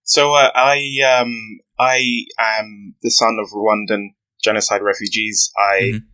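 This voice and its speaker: Brief: young man, podcast guest, earnest and measured, lowish bright voice. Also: level tone, rough recording. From West London, UK. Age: 20s. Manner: earnest, measured storytelling with frequent "you know". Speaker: guest, aspiring barrister. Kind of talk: podcast interview.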